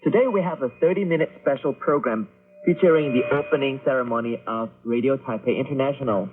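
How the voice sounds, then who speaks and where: A male radio host with a medium-pitched voice talks fast, announcing and chatting with a co-host. The recording is tinny shortwave radio with music.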